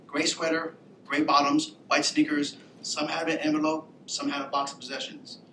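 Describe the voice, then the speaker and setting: A man from Texas who pronounces his R's like W's, giving an informal, animated conference presentation. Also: moderate pace. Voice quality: cannot pronounce R, says w for r. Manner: informal, animated storytelling with acted-out quotes. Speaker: workforce agency presenter, Marine veteran. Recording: echoey room with background rumble.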